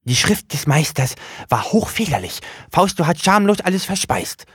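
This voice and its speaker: A skittish little storybook demon, covered in fur and forever fretting over his rules, speaks of himself in the third person in a high, strained voice, as a male reader puts him on. He sounds formal and anxious. The recording is close and dry. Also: big pitch swings, moderate pace, breathy edge, no echo, heavily acted. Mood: guilty. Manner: formal, anxious, rule-bound. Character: small furry male book demon, timid and fussy.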